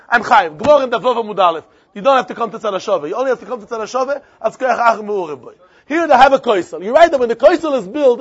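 A man with a strikingly high voice and a Yiddish accent leads an interactive Talmud lesson. He argues his way along, firing and repeating rhetorical questions in yeshiva idiom. The recording is dull and lo-fi. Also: breathy edge. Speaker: Talmud teacher.

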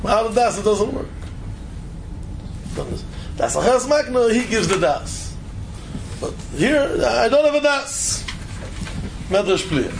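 A man's voice: extremely high pitch, lively intonation, slow pace, long pauses, noisy background. A man with lecturing informally as a Talmud teacher, asking rhetorical questions and repeating phrases for emphasis.

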